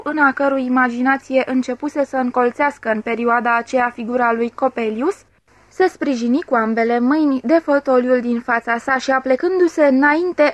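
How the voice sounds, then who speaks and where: A woman narrating a literary audiobook in a measured, even way, recorded close on the mic. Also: high voice, no room sound. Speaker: audiobook reader.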